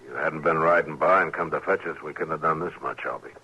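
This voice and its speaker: A man with an American accent playing a stern, patient frontier marshal in an old-time radio drama, speaking in terse, measured, commanding lines. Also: a bass voice, sharp tone, breathy edge, lo-fi sound, exaggerated voice. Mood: grave, matter-of-fact. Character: stern, steady western US marshal, grave and patient. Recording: noisy vintage radio recording.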